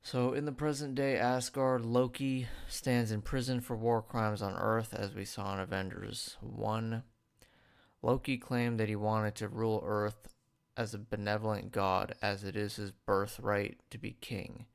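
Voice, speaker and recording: A man's voice: on the low side, flat delivery, a little slow, gravelly, smooth. A young man hosting a radio show, giving a loose, rambling film review with lots of "like" and stumbles, talking with a retainer in. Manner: loose and rambling, fills with "like" and stumbles over words. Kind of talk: casual spoken film review. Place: radio studio.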